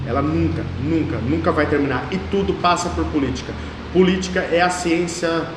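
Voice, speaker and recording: A high-voiced man in his thirties with a São Paulo state Portuguese accent, making his case in an interview. He talks emphatically and hammers points home by repeating them. The room rings with a long, echoey reverb and a faint hum underneath. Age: 30s. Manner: emphatic, repeats phrases for force. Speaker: mayoral candidate. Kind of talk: political interview.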